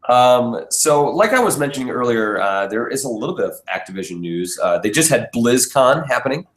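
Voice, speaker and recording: Male podcast host, casual and rambling with frequent chuckles, lively up-and-down delivery, roomy echo from an empty basement. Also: medium pitch, brisk. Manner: relaxed, rambling, chuckles often. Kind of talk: casual chat. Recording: echoey empty basement room.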